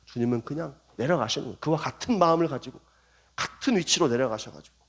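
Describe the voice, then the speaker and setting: Animated man preaching a revival sermon. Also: mid-range voice, quick pace, husky. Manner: animated preaching, acts out dialogue in shifting voices. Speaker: pastor. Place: church sanctuary.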